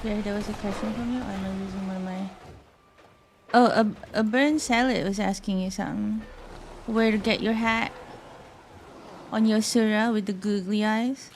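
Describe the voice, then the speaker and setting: A woman's voice: medium pitch, steady tone, moderate pace, pauses often, a little hiss or hum. A woman streamer chatting casually with viewers and reacting as she plays a game. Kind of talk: casual live gameplay chat. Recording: game music behind voice.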